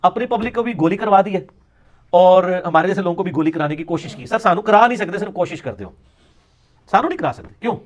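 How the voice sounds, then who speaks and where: This man's voice sits high with lively intonation as he delivers a combative religious lecture. He mocks his opponents sarcastically and lapses into Punjabi quips.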